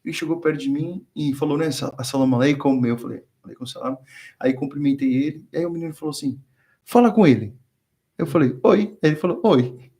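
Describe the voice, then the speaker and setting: A man's voice: a little high, quick pace, dark tone. A man from Brazil, a guest explaining religion in a casual, teaching way, who acts out the dialogue he quotes. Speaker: guest speaker on theology. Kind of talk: conversational teaching.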